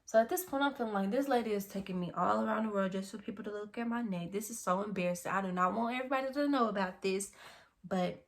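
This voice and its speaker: A young woman vlogger telling a personal story in a casual monologue, swinging between loud outbursts and hushed, half-whispered asides. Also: medium pitch, fast.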